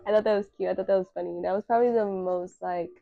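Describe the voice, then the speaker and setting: A woman's voice: medium pitch, steady tone, fast talker, gravelly, no room sound, narrow, tinny audio. A woman in her twenties hosting a casual solo talk, candid and slangy, with emphatic repetition. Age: 20s. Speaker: podcast host.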